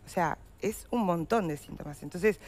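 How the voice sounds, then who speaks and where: A woman's voice: lowish voice, normal speed, darkish tone. Earnest Uruguayan woman explaining. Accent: Uruguayan Spanish. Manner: earnest, explanatory, uses voseo. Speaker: guest, endometriosis patient advocate. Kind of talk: explanatory interview answers.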